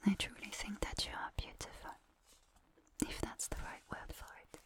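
A woman voicing a gentle, doting massage attendant in an ASMR roleplay, talking in a soft breathy whisper and slipping in French endearments. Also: moderate pace, close to an everyday voice. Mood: soothing.

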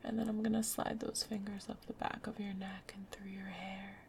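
A woman whispering softly in a gentle, soothing ASMR roleplay as a caring girlfriend. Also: medium pitch, little pitch movement, normal speed, slight background noise. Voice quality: soft whispery. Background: rain sounds.

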